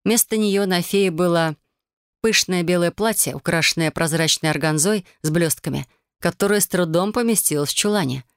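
A woman reading a first-person story aloud in a calm, even storytelling manner. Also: fairly low pitch, moderate pace, smooth, no echo, studio quality. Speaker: audiobook narrator.

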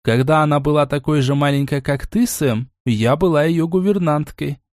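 A man's voice: fairly high pitch, moderate pace, darkish tone, no room sound, studio quality, close to an everyday voice. A man reading an audiobook and voicing a motherly middle-aged former governess who is strict with her daughters. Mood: affectionate.

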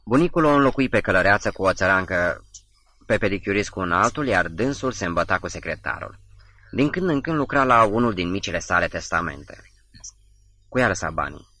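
Deep-voiced male audiobook narrator. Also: animated, pushed and bright, no echo. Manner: measured, literary reading. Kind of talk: scripted narration.

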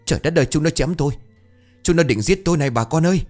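Man playing loud defensive middle-aged man, hot-tempered, yells and wails, for a storytelling piece. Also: on the low side, animated, fast talker, faint music behind, lightly acted. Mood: furious. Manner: shouting, wailing complaints.

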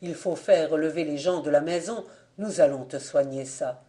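A man's voice: a little high, moderate pace, warm tone, lightly acted. A man reading an audiobook voices a devoted young Breton farmer who speaks in an urgent, pleading way. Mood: alarmed.

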